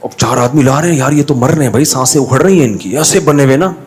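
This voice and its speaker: A middle-aged man telling anecdotes over a drawing video, animated and acting out other people's lines. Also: mid-range voice, fast talker. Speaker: drawing channel host.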